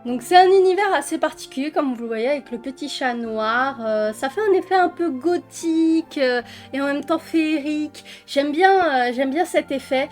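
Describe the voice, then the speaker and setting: A woman's voice: high-pitched, lively intonation, normal speed, faint music behind. A French woman casually presenting coloring books in a chatty vlog, with many fillers and fond little words. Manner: chatty, with frequent fillers and diminutives. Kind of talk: casual flip-through vlog.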